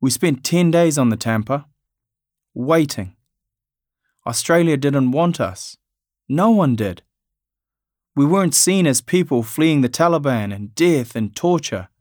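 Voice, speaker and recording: A man's voice: a little high, expressive, unhurried, pauses often, darkish tone, no room sound. Reflective male storyteller, dry sound. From Afghanistan. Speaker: narrator. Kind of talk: storytelling narration.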